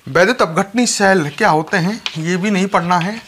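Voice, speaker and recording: Against a noisy background, a man with a high voice teaches chemistry at a moderate pace. His classroom lecture is repetitive and instructive, with each point restated and the students addressed directly.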